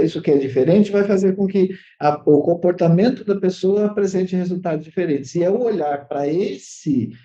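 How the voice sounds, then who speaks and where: A Brazilian man speaks as a therapist guest in an interview, his voice somewhat high and mellow. He explains at length, often pausing on fillers and restarting his sentences. The audio sounds dull and lo-fi. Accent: Brazilian Portuguese. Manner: hesitant, many fillers and restarts.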